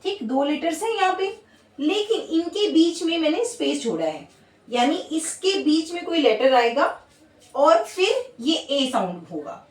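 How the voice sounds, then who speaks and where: Slow, high-voiced woman teaching phonics. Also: very animated, echoey room, far from the mic. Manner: sounds out letters slowly, asks "ठीक है?" after each point. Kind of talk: classroom-style phonics lesson.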